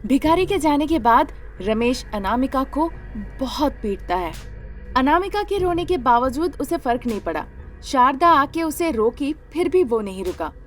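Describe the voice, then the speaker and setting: A woman narrates a cartoon story in a steady, matter-of-fact way. Her voice sits high. Faint music plays underneath. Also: unhurried.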